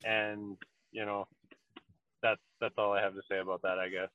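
Over tinny, dry call audio, a podcast co-host talks at a normal speed in a fairly low, flat voice. The conversation is casual, and he drifts from point to point, packing his speech with fillers such as "you know."

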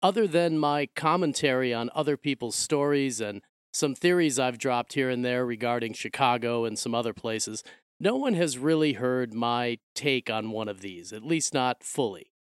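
A man's voice: mid-range voice, clear, resonant tone, no room sound, clean studio sound. An American man from Milwaukee hosting a podcast, partly narrating from a script and partly chatting with his co-host. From Milwaukee, Wisconsin, USA.

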